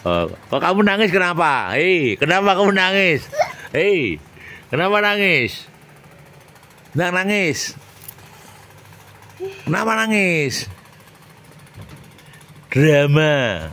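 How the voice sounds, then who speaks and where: A man, chatting gently with a young child and coaxing answers with questions. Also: sits high, very animated, slow pace, pauses often. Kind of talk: casual chat with a child.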